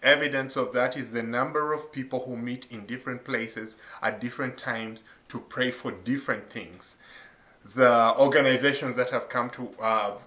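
Speaking at a moderate pace with fairly even intonation and a medium pitch, an associate pastor from Uganda, in his thirties, recounts his story earnestly and warmly in a faith interview. Ums and uhs come often. The sound is reverberant and muffled.

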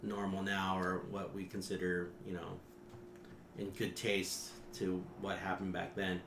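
A man's voice: low voice, completely flat delivery, a little slow, gravelly, a bit bright, a little hiss or hum. Podcast guy, lots of ums and laughs, roomy echo. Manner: laughs often, hesitant with fillers. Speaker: podcast co-host. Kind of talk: casual chat.

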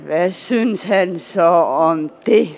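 In a radio drama, an actor plays a pushy stranger at a bar who knows the listener's father. His voice sits high and creaky, and he probes with persuasive questions.

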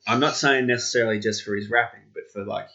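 A man's voice: medium pitch, steady tone, quick pace, pushed and bright. A man talking casually as a podcast co-host. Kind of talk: casual chat. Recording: dull, lo-fi sound.

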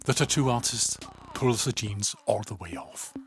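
A man reading a story aloud in calm, even scripted narration, often low and hushed. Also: moderate pace, vocal fry, background noise.

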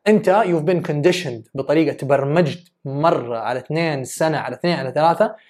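A woman's voice: low-pitched, fairly quick, a little mellow. A woman giving an earnest, emphatic self-development talk. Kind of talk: motivational talk.

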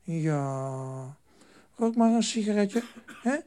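A sly, wheedling monster of craving, coaxing in a soft, close voice, as a man puts it on. Its pitch rides a little high and sweet as it tempts. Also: lively intonation, slow, smooth.

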